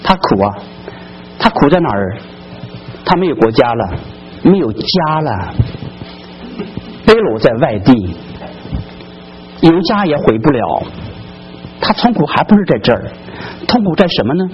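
Guy preaching a sermon, fairly high voice that swings all over, keeps asking the crowd questions, muffled lo-fi sound. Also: very animated, unhurried, pauses often, soft background music. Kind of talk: sermon to a congregation. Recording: dull lo-fi recording.

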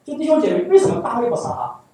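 Pastor mid-sermon, animated pitch, talks back and forth with the congregation through questions, heard from far off in a reverberant hall with faint ambience. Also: very fast, slight background noise. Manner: asks the congregation rhetorical questions; repeats phrases for emphasis.

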